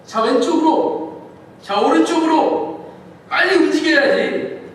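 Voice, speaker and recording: A boastful male fisherman barks commands and teases his crewmates in a raised, high voice, acted out by a man preaching. The sound rings through a large reverberant hall, picked up from well away from the mic. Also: a little slow, fairly bright tone. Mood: barking, boastful. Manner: barking orders, boastful, teasing. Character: bossy burly male fisherman disciple. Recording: echoey hall from far off.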